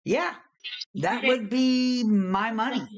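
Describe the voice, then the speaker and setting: A woman playing an evasive townsperson under interrogation in tabletop role-play, guarded and halting in delivery. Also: on the high side, pitched above the performer's own voice. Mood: defensive.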